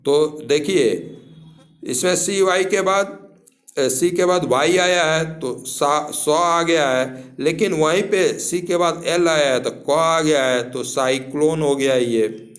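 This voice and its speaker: A male teacher giving a slow, careful lesson. He talks at an unhurried pace in a slightly high voice. He spells words out letter by letter and repeats each rule. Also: a bit bright. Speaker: English teacher.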